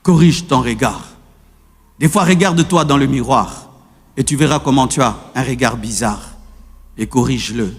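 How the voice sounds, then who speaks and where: A man preaching a sermon as pastor, shifting between gentle teaching and shouted exhortation. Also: mid-range voice, normal speed, husky, long reverb tail. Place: church.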